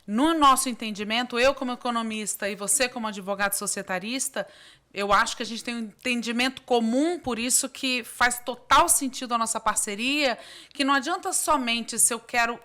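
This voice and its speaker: Brazilian woman, economist host; affirming interjector, somewhat high, bright tone. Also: a little fast. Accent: Brazilian Portuguese. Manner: affirming, chimes in often with agreement. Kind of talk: conversational interview.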